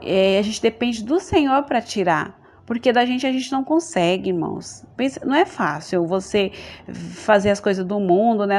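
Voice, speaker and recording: Earnest Brazilian woman giving church testimony. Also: mid-range voice. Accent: Brazilian Portuguese. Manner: earnest, addresses listeners as brothers, frequent tag questions. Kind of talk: religious testimony to a congregation.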